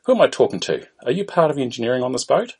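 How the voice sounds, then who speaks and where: A man's voice: medium pitch, sing-song, rapid-fire, darkish tone, slightly rough, voice pushed up. A man voicing an exasperated, impatient starship captain in a comedy parody, with emphatic delivery.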